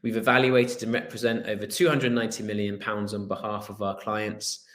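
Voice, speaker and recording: A Welsh man in his thirties, a business founder giving an earnest online presentation with a storytelling manner and the odd filler pause. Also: on the low side, little pitch movement, fairly bright tone. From Wales. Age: 30s. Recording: roomy echo.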